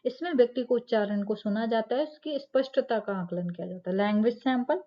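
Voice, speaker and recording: A woman's voice: medium pitch, dull audio. A woman teacher giving a lecture, explaining step by step, asking rhetorical questions and checking in with "ठीक है". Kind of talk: classroom lecture.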